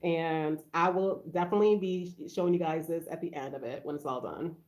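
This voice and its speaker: A woman's voice: deep voice, a little fast, a little mellow. A woman from Haiti hosting a casual live stream, greeting viewers and answering their comments aloud in a chatty way. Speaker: livestream host.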